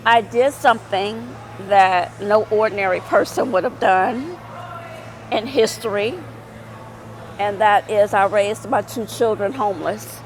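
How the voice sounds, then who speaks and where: Middle-aged woman, unhurried rambling vlog talk, faint traffic behind. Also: medium pitch, rough recording. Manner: rambling, many fillers and repeats. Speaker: vlogger. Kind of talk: casual vlog monologue.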